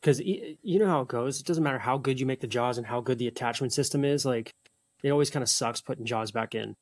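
A man's voice: mid-range voice, fast talker, no room sound. Man thinking aloud in dry-sounding shop talk. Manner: thinks aloud through his work plan. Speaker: machinist making folding knives.

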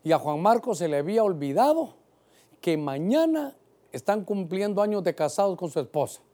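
A man's voice: high-pitched, sing-song, normal speed, dark tone. A man in his sixties, a pastor preaching a sermon with passion who keeps calling his listeners brother.

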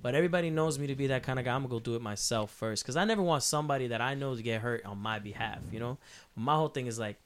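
A man's voice: medium pitch, rapid-fire. A man from Puerto Rico who is a guest on a podcast. He talks in a casual, emphatic, profane way and lays out his views at length.

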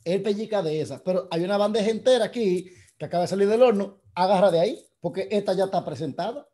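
High mellow-voiced man. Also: quick pace. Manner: stammers, repeats words, mimics sounds. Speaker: panelist. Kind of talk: casual group chat.

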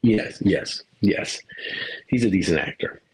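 A man who is a parent co-hosts a podcast, reviewing a movie in loose, rambling chat punctuated by laughs and swearing. His low, darkish, husky voice has lively intonation and a measured pace, and the audio quality is poor.

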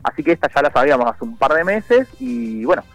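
A man, a murga member chatting as a guest, relaxed and rambling with many fillers and restarts. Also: a little high, quick pace, gravelly, no echo, soft background music, low-quality recording. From Argentina. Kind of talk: casual phone interview.

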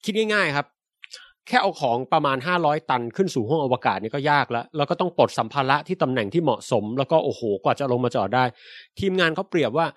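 A man talking quickly in a dry, close-miked studio, co-hosting a casual science podcast. He explains space news patiently and politely, restarting often as he finds his words. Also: on the high side, animated, a bit bright, no room sound.

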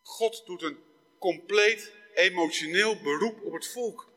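Male preacher, bright forceful tone, sermon in a long-echoing church hall. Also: high-pitched, a little slow. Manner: conversational, with dramatic raised reading of scripture.

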